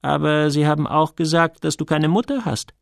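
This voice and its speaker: A man voicing a curious, teasing grown woman with a light, unhurried way of talking, in an audiobook. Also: a little high, gravelly, no echo, studio quality, pitched above the performer's own voice.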